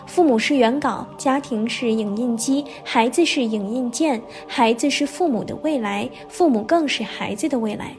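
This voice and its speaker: A woman's voice: a little high, soft background music, natural voice. Patient old monk, read by a woman. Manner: gentle, unhurried questioning. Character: calm, patient elderly male monk teacher.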